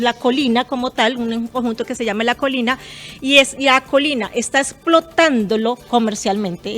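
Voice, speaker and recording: A woman's voice: on the high side, fairly bright tone. Woman explaining tax rules. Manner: precise, explanatory, uses examples. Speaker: guest expert on property tax. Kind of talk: explanatory radio talk.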